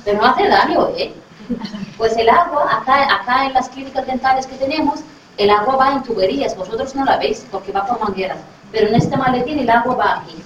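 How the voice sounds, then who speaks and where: Visiting a school class, a middle-aged Western Saharan dentist speaks warmly to the children and quizzes them as she goes to make sure they keep up. She sounds fairly high and brisk against a noisy background, captured far from the mic in a very echoey, dull, lo-fi recording.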